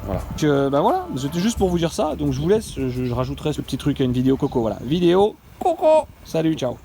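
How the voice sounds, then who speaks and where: A man's voice: fairly high pitch, huge pitch swings, fast, creaky, mellow, slight background noise. A man hosting his own casual vlog, joking and chatting in a playful, slangy way. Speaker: vlogger. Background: background music.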